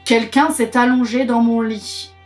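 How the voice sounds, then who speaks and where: A woman's voice: level tone, unhurried, faint music behind, natural voice. Woman doing a grumbling big father bear. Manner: lowered growling voice.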